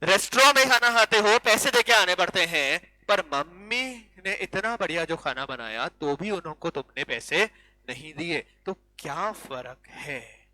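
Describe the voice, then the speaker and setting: A male law teacher giving an animated classroom lecture, full of rhetorical questions and switching into English. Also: high-pitched, measured pace, dry recording, low-quality recording.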